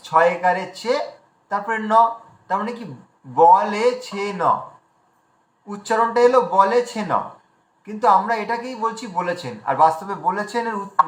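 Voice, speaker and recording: Bengali male teacher, high voice, patient explainer, echoey room, online class. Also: fairly bright tone. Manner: explanatory, spells out letters slowly. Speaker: Sanskrit pronunciation teacher. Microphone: video call.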